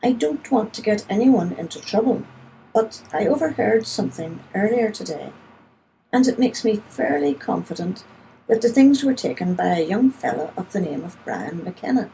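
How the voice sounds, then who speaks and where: A woman's voice: mid-range voice, lively intonation, normal speed, vocal fry, dark tone, slight background noise, rough recording. A woman voicing a canny, polite country poacher, a grown man who speaks deferentially and persuasively.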